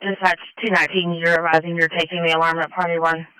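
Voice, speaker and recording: A woman's voice: lowish voice, level tone, quick pace, sharp tone, clear, resonant tone, dry recording, low-quality recording. A woman dispatching units over police radio with clipped procedural calls.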